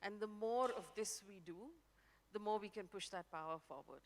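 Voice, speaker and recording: A journalist in her forties with an Indian English accent speaks as a guest in a conference fireside chat, articulate and measured, with light laughs. Her voice is medium-pitched. The conference hall is reverberant, with slight background noise.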